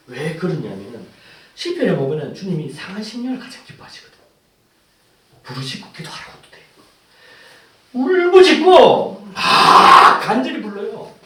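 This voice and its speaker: A male pastor preaching a sermon, moving between quiet explanation and loud pleading cries. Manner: swings from low asides to loud pleading cries. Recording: echoey hall, voice from far off.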